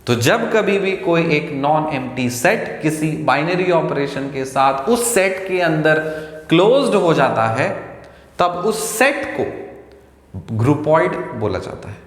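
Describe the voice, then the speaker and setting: A man teaching a maths lecture, slow and deliberate, who asks the class questions and answers them himself. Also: fairly high pitch, expressive. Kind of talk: lecture mixing Hindi and English. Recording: echoey room with long reverb.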